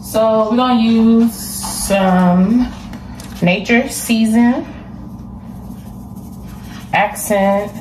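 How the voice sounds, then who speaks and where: A young woman in her twenties, a cooking vlogger, chats straight to viewers while cooking in her home kitchen, filmed from across the room. Her voice sits on the high side with a darkish tone, and she speaks very slowly with long pauses. The echoey kitchen and distant mic pick up slight background noise and clattering dishes and pots.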